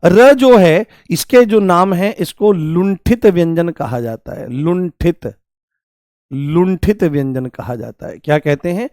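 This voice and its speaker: High-voiced male teacher, dry sound. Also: slow pace, a little mellow, dry recording. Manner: repeats key points and quizzes students with questions; addresses students affectionately and drills pronunciation aloud. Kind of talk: live online exam-prep class.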